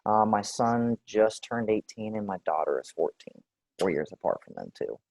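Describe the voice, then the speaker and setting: A man in his forties from Texas, answering questions in a clinical interview in a relaxed, hesitant way with many fillers. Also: lowish voice, normal speed, creaky, no room sound. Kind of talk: role-play clinical interview.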